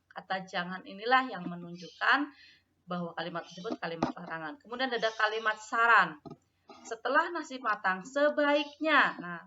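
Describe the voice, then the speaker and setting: Bright-voiced woman teacher, patient lesson. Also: mid-range voice, a little hiss or hum. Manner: patient, addresses students, asks questions, repeats key terms. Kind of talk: classroom lesson. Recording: dull lo-fi recording.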